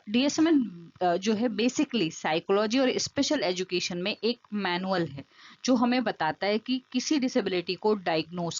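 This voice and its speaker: A woman's voice: mid-range voice, no room sound. A woman teaching special education through an online exam-prep lecture over slides. She explains step by step, repeats key terms and keeps checking that the listener follows. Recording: dull lo-fi dry recording.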